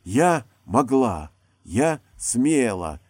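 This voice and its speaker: A man's voice: medium pitch, big pitch swings, drawn-out words, darkish tone, no echo, pitched above the performer's own voice, exaggerated voice. A man voicing a grand, furious middle-aged actress who declaims like she is on stage. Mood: raging.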